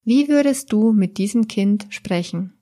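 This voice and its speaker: Slow, gentle German-speaking woman coach. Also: mid-range voice. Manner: calm, gentle, speaks straight to the listener. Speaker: therapist or coach. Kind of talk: slow, guiding talk to the listener.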